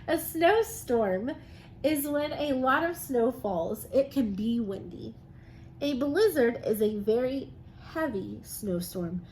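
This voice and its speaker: A slightly high female voice comes through a low-quality recording, with background noise clearly present. She is a teacher reading aloud and making science simple and encouraging for young kids.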